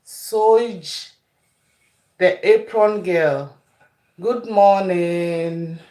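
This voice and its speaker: A Ghanaian woman hosts a relaxed cooking livestream, chatting with her viewers in an unhurried way. She greets each one by one and calls them "my dear". Her voice bounces around a roomy space. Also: fairly low pitch. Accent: Ghanaian English. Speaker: cooking show host. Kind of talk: casual livestream chat with viewers.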